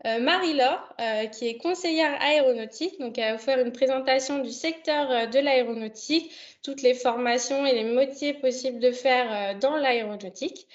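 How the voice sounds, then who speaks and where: A woman's voice: high voice, moderate pace, lo-fi sound. A young woman hosting an online video conference, speaking hesitantly with many fillers. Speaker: online event host. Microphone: computer mic on a video call.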